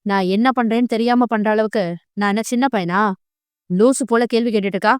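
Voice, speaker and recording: A woman voicing a domineering young husband with a low, pressing, rough-tongued manner. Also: normal speed, darkish tone, no room sound, studio quality, lightly acted. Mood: irritated.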